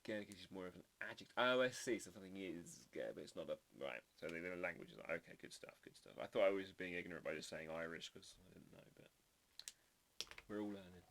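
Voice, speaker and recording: A man chats loosely on a live drawing stream, playful and easygoing as he tries out foreign words. His voice sits fairly low but swings widely in pitch. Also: expressive, fast talker, vocal fry, few pauses, fairly bright tone, slight background noise. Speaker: livestream artist host. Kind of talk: casual live stream chat while drawing.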